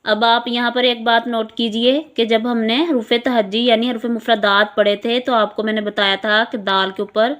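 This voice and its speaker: A woman with a Pakistani Urdu accent teaching Quranic recitation rules, patiently repeating syllables slowly for learners to follow. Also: fairly high pitch, fairly bright tone.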